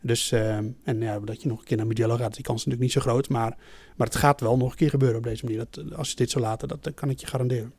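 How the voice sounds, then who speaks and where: A man's voice: mid-range voice, fairly even intonation, rapid-fire, few pauses, a little mellow, slightly rough, dry recording. A man co-hosting a motorsport chat show, explaining at length with many fillers and restarts. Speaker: podcast co-host. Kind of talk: casual analytical chat.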